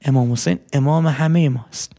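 A man telling a first-person story in a gentle way, repeating words for effect. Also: mid-range voice, steady tone. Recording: long hall reverb.

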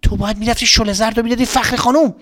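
A man's voice: very high-pitched, steady tone, fairly bright tone, pitched above the performer's own voice. A man voicing a worried mother who nags and questions her son. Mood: scolding. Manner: nagging, questioning. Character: fussing mother, worried and scolding.

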